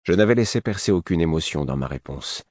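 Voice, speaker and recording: A man reading a novel aloud as a calm, even first-person narrator. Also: low-pitched, quick pace, dry recording, studio quality. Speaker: audiobook narrator.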